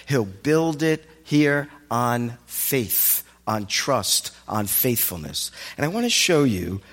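A man preaching a sermon as pastor of a congregation, talking expressively and lifting his voice as he retells scenes. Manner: expressive, rises in pitch when retelling scenes. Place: congregation worship hall. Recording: reverberant hall with faint music.

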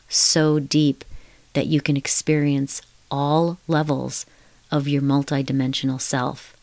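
A woman speaks low and even as she guides a deep relaxation session. She counts down slowly and soothingly in a hypnotic style, repeating hushed phrases. The recording is close and dry, with no room echo.

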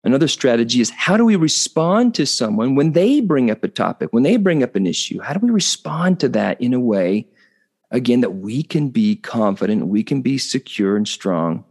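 A man's voice: medium pitch, expressive, moderate pace, a little mellow. Male podcast host, mid-range voice, earnest solo monologue, prone to restarts. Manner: earnest, explanatory, with frequent restarts and repeated words.

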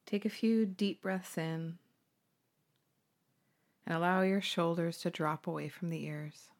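Gentle woman guiding a meditation. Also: fairly low pitch, steady tone. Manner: slow, soothing, gentle pauses. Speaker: meditation guide. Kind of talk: guided meditation.

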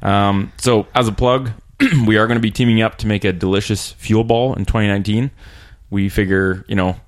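Male podcast host, lowish voice, conversational and halting, recorded in a small room. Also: steady tone. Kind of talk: casual interview chat. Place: small room in a rented apartment.

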